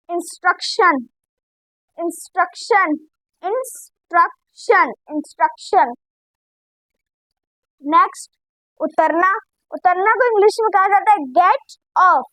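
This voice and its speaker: A woman with a very high, light voice runs a vocabulary drill, taking each word slowly and repeating it over and over so learners can copy the sound. Her voice is close and dry, with no room echo around it. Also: fairly bright tone. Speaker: English vocabulary teacher.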